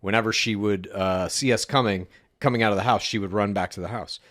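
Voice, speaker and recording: A man from Texas co-hosting a comedy podcast, telling stories in a deadpan, matter-of-fact way. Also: lowish voice, quick pace, no room sound, studio quality. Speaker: podcast co-host. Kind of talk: casual comedic chat.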